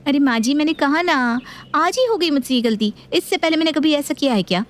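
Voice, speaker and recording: A woman's voice: sits high, expressive, a little fast, voice pushed up. A woman voicing a touchy, defiant young daughter-in-law who argues back indignantly. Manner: indignant, argumentative.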